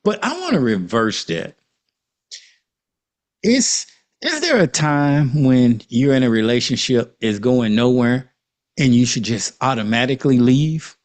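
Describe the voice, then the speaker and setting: A man's voice: medium pitch, animated, unhurried. A man with an Arkansas accent, chatting casually as the host of a panel talk.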